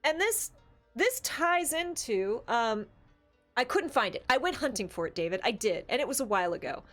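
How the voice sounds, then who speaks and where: A high-pitched woman co-hosts a tabletop gaming podcast, chatting casually at a moderate pace. Animated and opinionated, she seems to think out loud among friends while faint music plays.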